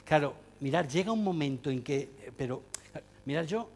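A man's voice: on the high side, animated, normal speed, darkish tone, a little hiss or hum. A man giving an ironic, joking talk to teachers, full of asides and fillers. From Spain. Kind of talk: humorous lecture to an audience.

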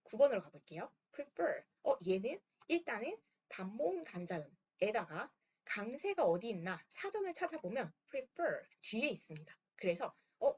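A woman teacher works through grammar exercises one by one, checking now and then that her students are keeping up. Her voice is a little husky and swings widely in pitch. The recording sounds dull and lo-fi. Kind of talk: lesson walkthrough.

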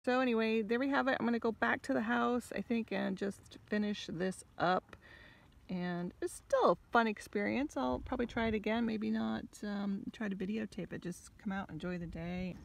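A woman's voice: on the high side, moderate pace, gravelly. A middle-aged woman chatting casually as she paints watercolors from a kayak on a lake. She thinks aloud and pokes fun at herself, sounding hot and a little out of breath, and she records into a phone held in her hand. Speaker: watercolor artist. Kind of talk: casual chat while painting. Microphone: phone camera held in hand.

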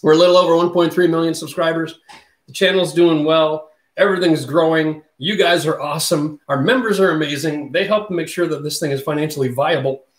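Hosting a casual livestream from his home studio room, a man in his forties chats with viewers and reads their comments aloud into a boom-arm studio mic. His voice is fairly high with fairly even intonation and a slightly fast pace, and the room sounds echoey.

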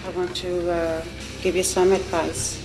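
A woman with a low, flat, even voice delivers a solemn warning at an unhurried pace. The room around her sounds roomy, and music plays loudly under her words. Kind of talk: on-camera warning to the group.

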